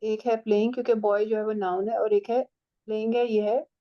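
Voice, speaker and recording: A woman's voice: medium pitch, level tone, fairly quick, dull audio. A woman teaching a writing and language class, explaining step by step and checking that her students follow.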